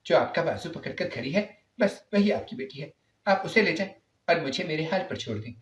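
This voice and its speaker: A man's voice: fairly high pitch, expressive, recorded from a distance. A man voicing a rude, resentful teenage girl who snaps back defiantly in a spoken story. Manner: sharp and defiant. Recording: roomy, slightly dull recording.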